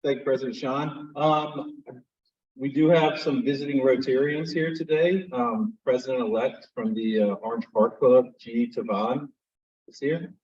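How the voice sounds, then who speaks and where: A man's voice: mid-range voice, unhurried, darkish tone, dull audio. A man making club announcements and telling a story in a friendly, rambling way. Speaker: sergeant at arms. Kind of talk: casual club meeting announcements.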